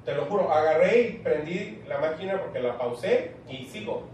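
A young Mexican man co-hosting a casual chat, telling a slangy, animated story. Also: normal speed. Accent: Mexican Spanish. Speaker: co-host. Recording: echoey room, far from mic, faint rumble.

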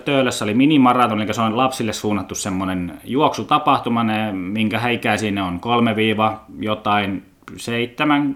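A podcast host with a Finnish accent rambles through a loose monologue in a mid-range, slightly bright voice. He's blunt and jokey, swears freely, and often stumbles over words before finding them.

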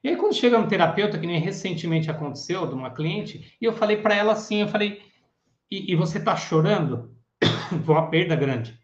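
A man, a psychoanalysis teacher giving a casual teaching talk, animated and acting out the voices of clients and therapists. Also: high voice, fairly quick. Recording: echoey room, dull lo-fi sound.

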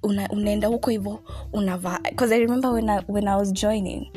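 A woman in her twenties from Kenya with a Kenyan accent, telling personal stories in a casual, animated, giggly and informal way. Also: medium pitch, quick pace, faint music behind. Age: 20s. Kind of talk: casual storytelling chat mixing English and Swahili.

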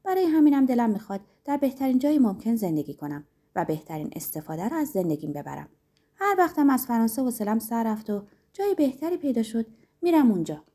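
Brief: carefree young woman, teasing and breezy, raised lively voice, as the narrator puts her on. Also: a little high, pitched above the performer's own voice.

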